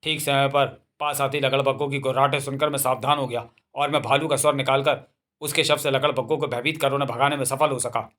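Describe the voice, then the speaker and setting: A man's voice: mid-range voice, flat delivery, fast, fairly bright tone, natural voice. A man voicing a bumbling, cowardly comic hero who panics and complains. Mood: grumbling.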